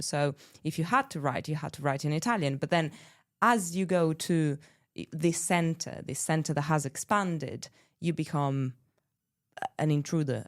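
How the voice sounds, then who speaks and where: A woman interviewer talking in a measured, engaged way, with some fillers as she thinks. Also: deep voice, darkish tone, smooth, no echo, studio quality. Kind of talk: conversational interview talk.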